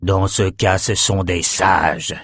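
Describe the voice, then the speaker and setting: A man voicing a fierce, brutal warrior king who speaks slowly and gruffly. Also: on the low side, dry recording, clean studio sound.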